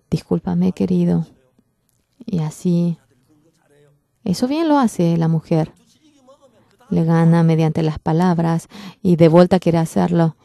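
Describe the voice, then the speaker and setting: Woman interpreter voicing a pastor's sermon in church; low-ish mellow tone, earnest emphasis, dry close sound. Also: gravelly, no echo.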